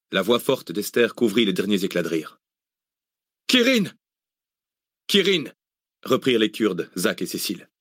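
A man narrating a novel chapter in a measured, dramatic reading. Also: fairly low pitch, no echo, studio quality. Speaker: audiobook narrator. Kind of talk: scripted narration.

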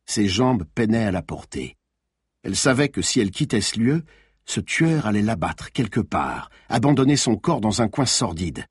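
A man narrating a thriller audiobook in an expressive, dramatic reading. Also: on the low side, normal speed, breathy edge, dry recording, clean studio sound.

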